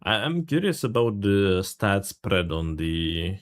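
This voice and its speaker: A man's voice: fairly low pitch, very animated, slow pace. A man from Serbia, casually commentating a live game stream, greeting chat and swearing freely.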